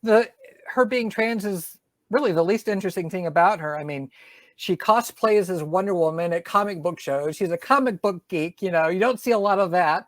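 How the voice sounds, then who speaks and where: Speaking with a slight Southern accent, this middle-aged Georgia woman, an author, talks through a relaxed interview in a reflective way, full of fillers and restarts. Her voice is fairly low in pitch and moves at normal speed, with no room sound.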